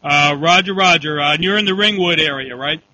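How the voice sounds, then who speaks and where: A man's voice: fairly high pitch, normal speed. A man acting as net control operator on an amateur radio storm net, speaking in formal, procedural radio phrasing. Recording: dull lo-fi radio audio, faint hum.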